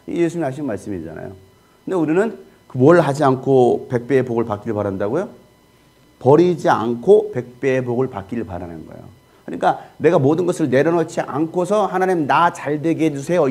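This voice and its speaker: A man's voice: mid-range voice, a little mellow. A man preaching as a pastor in a conversational style, peppering the congregation with rhetorical questions. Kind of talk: sermon teaching.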